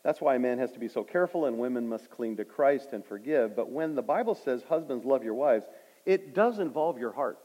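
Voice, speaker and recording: A middle-aged male pastor preaching a sermon, swinging from loud emphatic points to hushed, quiet stories. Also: mid-range voice, expressive, fairly quick. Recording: dull lo-fi sound with hall reverb.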